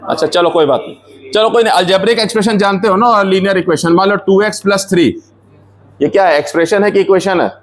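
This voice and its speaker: Man with a fairly high voice, lecturing a class. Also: fast. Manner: explains step by step, questions students, mixes in English terms. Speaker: engineering lecturer.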